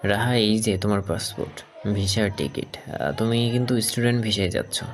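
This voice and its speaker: A woman doing a deep gravelly young man. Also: fairly quick. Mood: reassuring. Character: young man, calm and helpful older brother-figure. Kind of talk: audio story acting.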